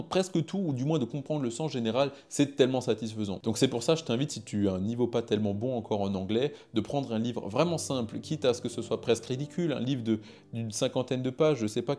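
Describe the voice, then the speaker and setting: A man's voice: medium pitch, fast talker, hardly any pauses, mellow, faint music behind. A man talking casually to camera as a YouTuber, rating ways to learn English and speaking to the viewer in a familiar, informal way with bursts of emphasis.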